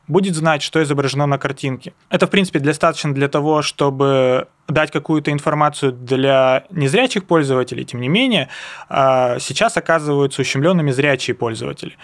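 A young man presenting an explanatory screencast lesson, talking informally and going through things step by step. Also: fairly high pitch. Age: young adult. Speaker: presenter of a web accessibility lesson. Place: indoors, seated at a computer.

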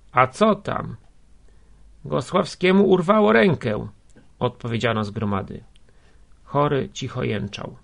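A man narrating a literary story in a measured, steady way, with a gravelly, husky voice. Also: medium pitch. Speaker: audiobook narrator.

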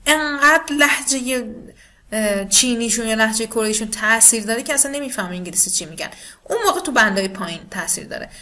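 Bright-voiced Persian-speaking woman teacher. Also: fairly high pitch, expressive. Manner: explains in Persian, reads English descriptor lines slowly and deliberately. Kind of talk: recorded online lesson explaining scoring criteria.

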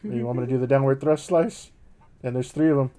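A man's voice: mid-range voice, steady tone, brisk, mellow. A man in his thirties, casually chatting and joking as he plays a game on a live stream, swearing freely. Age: 30s. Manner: laid-back, swears a lot, joking.

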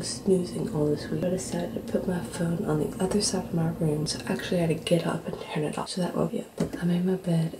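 A woman vlogging her day from her bedroom in a hushed, half-whispered morning voice. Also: medium pitch, noisy background. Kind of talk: casual day-in-the-life vlog.

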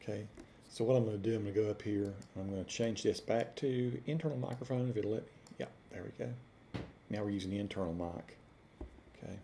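Middle-aged male demo presenter, Appalachian accent, lowish pitch, very relaxed dark tone, deliberate casual delivery. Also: creaky, a little hiss or hum. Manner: deliberate, spelling out punctuation while dictating. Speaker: software reviewer. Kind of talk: dictation test with casual commentary. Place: room at home, indoors.

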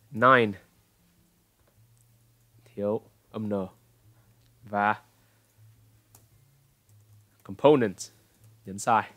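A man in his twenties from Vietnam, correcting pronunciation and repeating words slowly to demonstrate. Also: fairly low pitch, sharp tone, no room sound. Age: 20s. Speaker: pronunciation coach. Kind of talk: reaction commentary correcting pronunciation.

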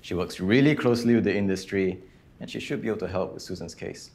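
A man in his thirties playing a calm, helpful career coach who explains things reassuringly in a screen drama. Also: low voice, fast. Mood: friendly. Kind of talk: naturalistic screen drama acting.

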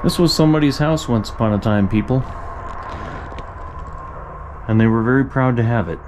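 A vlogger and photographer who explores abandoned places muses aloud, reflective and casual, commenting on what he sees at an abandoned farmstead, mostly outdoors beside a highway. He talks at a normal speed with a darkish tone. It's a noisy outdoor field recording with the highway nearby.

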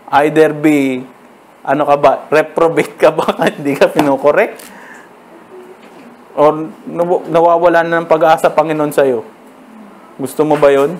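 A man with a Filipino accent preaching a sermon, conversational and peppered with "okay?", reading verses slowly. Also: a little high, a little hiss or hum. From Philippines.

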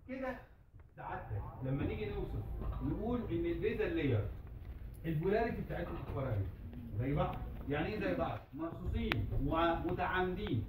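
A man with an Egyptian Arabic accent giving a classroom lecture, asking the class questions and answering them himself, repeating key terms slowly. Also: on the high side. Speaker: medical lecturer. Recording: roomy, distant, noisy hall recording.

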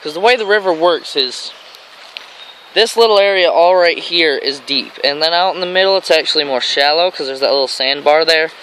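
A fairly high, sharp-toned man's voice, a little fast: it belongs to an American fishing vlogger rambling excitedly through casual narration on a grassy riverbank. The handheld camera mic yields a rough recording with stream and traffic noise.

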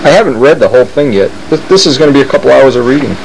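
Hobbyist man narrating his plans, excited and meandering, mid-pitched, with an air conditioner humming in the room. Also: rapid-fire, creaky, a little hiss or hum, poor audio. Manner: enthusiastic, rambling, thinking aloud. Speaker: model aircraft builder showing plans. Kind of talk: casual show-and-tell narration.

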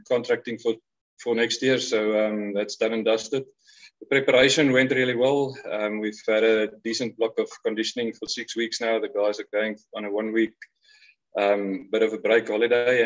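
South african guy, afrikaans accent, low flat voice, coach at presser, muffled call audio. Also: moderate pace. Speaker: rugby coach. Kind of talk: press conference answers. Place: indoor press room, heard over video call. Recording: dull video-call audio.

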